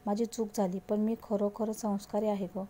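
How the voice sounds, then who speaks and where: A remorseful grown man pleads and apologizes, his voice soft and mellow, as a woman reading a story puts him on. The reading stays close to an everyday voice, steady and earnest in tone. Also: mid-range voice, moderate pace, natural voice. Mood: pleading.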